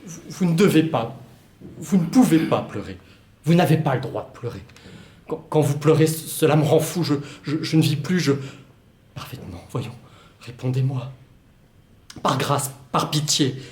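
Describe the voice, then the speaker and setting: A man's voice: a little high, darkish tone, lightly acted. A young man playing an anxious male lover who stammers and repeats himself as he pleads. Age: young adult. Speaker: student actor. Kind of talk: solo stage reading of a play. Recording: roomy echo.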